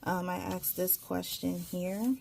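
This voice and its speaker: Female tarot reader, lowish gravelly voice, casual and halting delivery, speech slightly caught by a tongue ring. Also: flat delivery, a little mellow, slight background noise. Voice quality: slight impeded articulation from a tongue piercing. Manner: halting, searching for words, repeats phrases. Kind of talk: casual spoken tarot reading.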